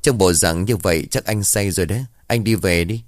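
A man voicing a sharp-tongued, defiant young village woman in a spoken story. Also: low voice, brisk, no room sound, clean studio sound, lightly acted. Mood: scolding.

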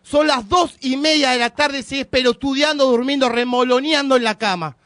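A man playing an exasperated middle-aged father who yells at his lazy grown son, with an Argentine accent, in a radio comedy sketch. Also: very high voice, brisk, dry recording, studio quality. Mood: scolding. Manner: blustering, yelling.

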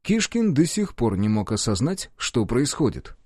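A man narrating an audiobook in first person, in an expressive, ironic storytelling manner. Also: medium pitch, unhurried, husky, no echo, studio quality.

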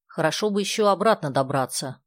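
A woman reads a sensible, prim teenage girl from an audiobook, proper and a little bossy about manners. The voice is the reader's own low one, recorded dry. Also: lively intonation, brisk, no room sound.

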